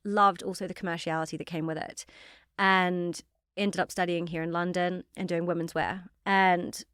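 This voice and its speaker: A young woman from New Zealand with a New Zealand accent, chatting as an interview guest about her career in a quick, self-deprecating way. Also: lowish voice, little pitch movement, fairly bright tone, smooth, dry recording, clean studio sound. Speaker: guest, fashion founder. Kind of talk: casual interview storytelling.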